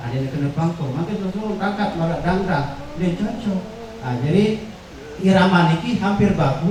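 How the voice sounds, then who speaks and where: A workshop instructor with a high, slightly mellow male voice teaches traditional verse in an echoey workshop room. He explains slowly, with many fillers and repetitions, recorded far from the mic with a little hiss or hum.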